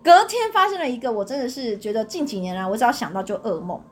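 A woman's voice: fairly high pitch, quick pace, slight background noise. A young woman tells her own story in a casual chat, laughing often and acting out the dialogue. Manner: animated, laughs often, acts out quoted dialogue. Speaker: podcast co-host telling her own story.

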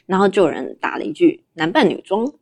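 A woman's voice: lowish voice, sing-song, a little fast, husky. A young adult woman with a Taiwanese Mandarin accent, chatting candidly as a guest in a casual interview. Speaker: interview guest, livestream shopping host.

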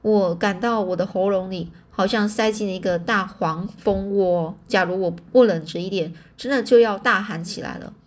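A woman's voice: medium pitch, moderate pace, hardly any pauses. A woman narrating a novel in a casual reading style, often restarting phrases and adding fillers.

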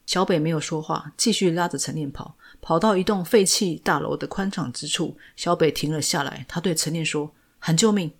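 Podcast host, woman, calm film-plot storyteller, lowish voice. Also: a little fast, hardly any pauses, slightly rough.

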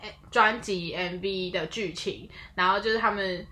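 A woman's voice: medium pitch, fairly even intonation, normal speed, pushed and bright. A young woman in casual chat, rambling through drama scenes with lots of fillers. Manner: rambling, chains clauses with fillers. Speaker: co-host.

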